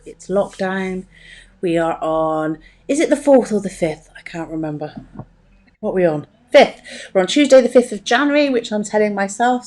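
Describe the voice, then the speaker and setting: A woman's voice: mid-range voice, darkish tone. A woman hosting a casual podcast interview, talking informally and breaking into her own sentences as she rambles. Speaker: podcast host.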